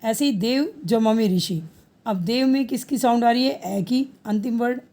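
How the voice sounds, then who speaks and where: A woman's voice: on the high side, normal speed, warm tone. A woman teaching a grammar lesson, patiently working through examples and repeating each answer as a question.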